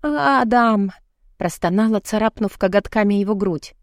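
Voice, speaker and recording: A woman reading a first-person novel aloud as an audiobook narrator, expressive, with her voice lifting high for the heroine's lines. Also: normal speed, dry recording, clean studio sound.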